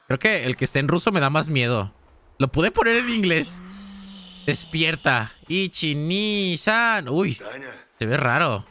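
A Mexican man streaming a survival horror game live, chatting excitably and casually with his viewers in slangy speech. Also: a little high, normal speed. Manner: chatty, excitable, slangy, talks straight to chat. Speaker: gaming streamer. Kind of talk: live gaming commentary.

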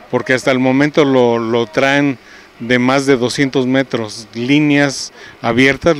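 A middle-aged municipal public lighting official with a Mexican accent and a mid-range voice gives a formal, halting interview statement outdoors beside a road. He speaks into a handheld reporter microphone, and the field recording is noisy.

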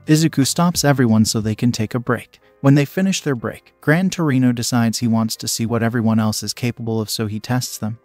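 Steady male fan fiction narrator. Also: medium pitch, dry recording.

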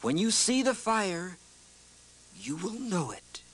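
A man voicing a wise male coyote who counsels people, in a steady, earnest storybook delivery. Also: sits high, slow, husky, exaggerated voice. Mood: reassuring.

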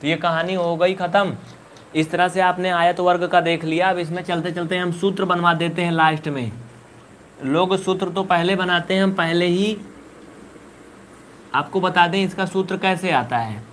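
A man's voice: sits high, fairly even intonation, moderate pace, fairly bright tone, slight background noise. A man teaching a live online maths class, repeating questions and scolding his students. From India.

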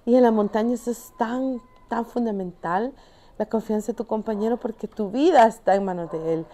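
A woman with a Salvadoran accent recounts her experience in an interview. Her voice sits a little high and sounds mellow and warm. She tells it in a lively, emotional way, often laughing mid-sentence. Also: moderate pace. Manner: animated, often breaks into laughter while recounting. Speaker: mountaineer being interviewed. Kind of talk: emotional first-person storytelling.

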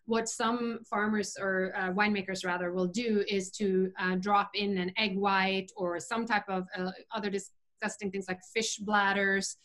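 An earnest woman speaks as a guest on a video call interview. She explains her views at length, opinionated and relaxed, with plenty of ums and uhs along the way. Her pitch sits in the middle. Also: unhurried. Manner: earnest, opinionated, many fillers. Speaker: interview guest, vegan chef. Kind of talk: casual conversational interview.

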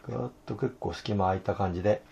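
A hoarse man teaching fountain pen illustration, talking to himself in halting asides as he draws. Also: lowish voice, dark tone, dull audio. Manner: talks to himself while drawing, halting, murmured asides. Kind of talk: casual drawing tutorial.

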